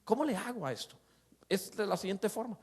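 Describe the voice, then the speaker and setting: High-voiced preaching pastor. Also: male voice, brisk, slightly rough. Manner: lively preaching with rhetorical questions and humorous asides. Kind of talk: sermon.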